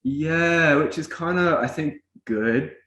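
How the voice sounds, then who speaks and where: A man's voice: on the high side, slow, fairly bright tone. A man from New Zealand with a New Zealand accent, chatting casually as a band member in an interview and often trailing off. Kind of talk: casual chat. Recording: roomy echo.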